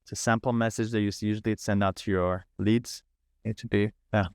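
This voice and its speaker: A man runs a live online training over a video call, walking informally through setup steps on a screen share, repeating himself and thinking aloud. His voice is on the low side, smooth, level, and brisk, recorded dry with clean studio sound.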